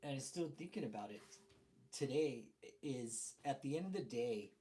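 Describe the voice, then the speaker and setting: A man's voice: medium pitch, expressive, normal speed, slight background noise. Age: adult. Sex: man. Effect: through a tube. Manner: blunt, profane. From Texas. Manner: blunt, profane, greets chat viewers by name. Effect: sounds like he is talking through a tube, quiet and far off. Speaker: livestream host. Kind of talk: casual live stream commentary. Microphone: desk mic with a loose plug. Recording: hollow tube-like sound from a loose mic.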